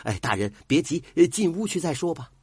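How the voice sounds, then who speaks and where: A man's voice: a little high, very animated, a little fast, darkish tone, husky, dry recording, clean studio sound, voice pushed up. A man doing an eager, stammering young servant. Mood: earnest.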